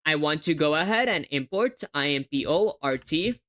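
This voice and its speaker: A young woman livestreams herself coding, thinking aloud, spelling words letter by letter, and chatting with viewers. Her accent is a hard-to-place hybrid, and her low voice is expressive and fairly bright at a normal speed.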